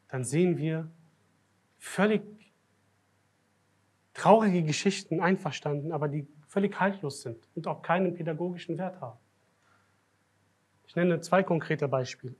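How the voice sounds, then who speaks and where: A man giving a religious night lecture as a sheikh, swinging from quiet, low remarks to loud, emphatic declarations. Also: moderate pace, pauses often, husky. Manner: grows loud and emphatic when making a point, drops low and soft at times. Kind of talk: Muharram night sermon. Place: lecture hall of a foundation.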